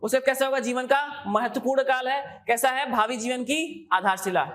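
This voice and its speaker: Woman, exam coaching teacher, higher voice, repeats key points, quizzes class. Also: normal speed, a bit bright. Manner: repeats key terms, quizzes students with questions.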